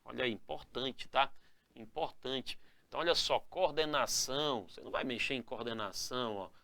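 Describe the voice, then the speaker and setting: A man teaching a spelling lesson with lots of energy, calling his viewers "galera" and checking in with "né?" and "tá?" after each point, and drawing out key words slowly to stress them. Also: medium pitch, gravelly, no echo. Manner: energetic, calls the viewers "galera" and "moçada", ends phrases with "né?" and "tá?". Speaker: Portuguese grammar teacher. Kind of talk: lively spelling lesson to camera.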